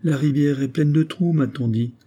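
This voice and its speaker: A man's voice: on the high side, moderate pace, dark tone, husky, voice pushed up. A man voicing a tearful, pleading carpenter's wife. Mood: sad. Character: tender, tearful carpenter's wife, middle-aged servant woman.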